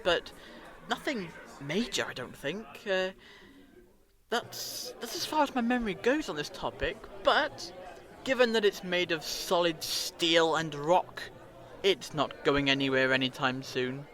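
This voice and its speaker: The Doctor, a man acting a bright, high-pitched time traveller. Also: animated, a little slow. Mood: light, chatty. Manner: theatrical, eloquent explaining. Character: the Doctor, clever, theatrical, reassuring male alien time traveller. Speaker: fan audio drama actor. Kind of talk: fan audio drama acting.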